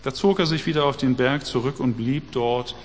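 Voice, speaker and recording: A man preaching a sermon, reading scripture aloud slowly and deliberately between his own explanations. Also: mid-range voice, in a large hall, a little hiss or hum. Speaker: pastor.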